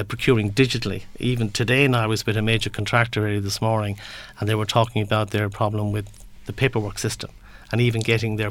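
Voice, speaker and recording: A man with a fairly low voice and a west of Ireland accent talks as a guest in an explanatory interview. His delivery is halting, with words and short phrases repeated as he works toward his point. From Galway, west of Ireland. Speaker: interview guest, construction industry representative.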